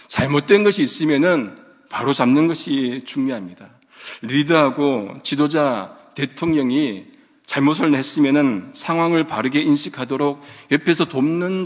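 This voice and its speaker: A man's voice: fairly high pitch, long reverb tail. A male pastor delivering a morning devotional sermon, earnest and full of rhetorical questions. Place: church.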